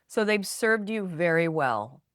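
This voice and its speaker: Soft-spoken woman explaining calmly. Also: fairly low pitch, a little slow, clean tone, no room sound, studio quality. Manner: gentle, reflective, speaks in flowing run-on thoughts. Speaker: guest, spinal energetics practitioner. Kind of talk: conversational podcast interview.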